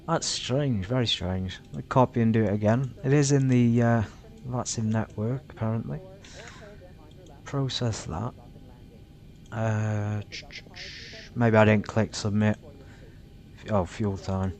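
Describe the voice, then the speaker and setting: A man narrating his flight simulator session casually and haltingly, muttering to himself between pilot radio calls. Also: steady tone, a little mellow. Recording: rumbly background noise.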